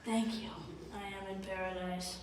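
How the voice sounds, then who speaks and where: A teenage girl playing a lonely, gloomy restaurant customer, awkward and flat, on a school stage. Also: medium pitch, moderate pace, a little hiss or hum, close to an everyday voice. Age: teens. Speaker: high school student actor. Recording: echoey hall from far off.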